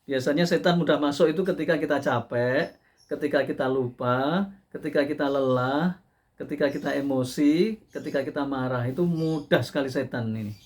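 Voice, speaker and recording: Lively chatty male preacher, higher voice. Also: normal speed. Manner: chatty, animated, frequent "ya" tags, laughs at his own stories. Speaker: Islamic preacher. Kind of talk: casual sermon to a live audience.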